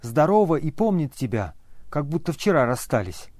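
A man reading a novel aloud and voicing an energetic, resolute grown man who speaks urgently and insistently to an old friend. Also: a little high, normal speed, no echo. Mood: insistent, concerned.

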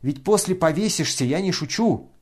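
A man's voice: a little high, lively intonation, normal speed. A man voicing an imperious mocking young woman. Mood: taunting. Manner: commanding, taunting shouts.

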